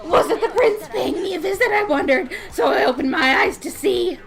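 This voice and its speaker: A shrill, high, giggling killer girl who shouts with manic glee, as a woman puts her on. The voice jumps up and down wildly. Game music plays behind her. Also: animated, normal speed. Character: manic giggling murderous teenage girl alter ego.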